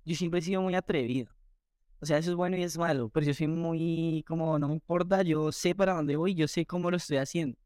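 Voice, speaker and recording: A man tells his story at a quick clip, with a slightly high voice. He acts out what others said to him as he goes. The sound is dry and close. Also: clear, resonant tone, no room sound. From Colombia. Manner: fast, animated retelling with acted quotes. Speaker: entrepreneur guest. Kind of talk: storytelling in an interview.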